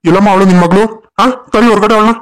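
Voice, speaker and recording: A man's voice: high-pitched, steady tone, fast talker, fairly bright tone, clear, resonant tone. A man voicing a stern adult family man in a cartoon story, blunt and scolding. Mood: angry. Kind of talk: cartoon voice acting.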